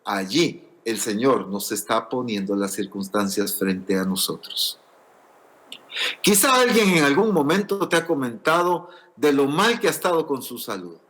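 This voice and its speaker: A man's voice: medium pitch, big pitch swings, measured pace, fairly bright tone. A man preaching a sermon in church, earnest and explanatory, asking rhetorical questions.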